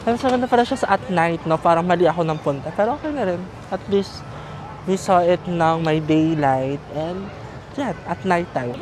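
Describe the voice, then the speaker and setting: A Filipino man with a Filipino accent chats casually and ramblingly as a travel vlogger, mixing in English, in a high-sitting voice at normal speed. He's outdoors on busy city streets, and the recording is noisy with traffic, crowds, and passing vehicles.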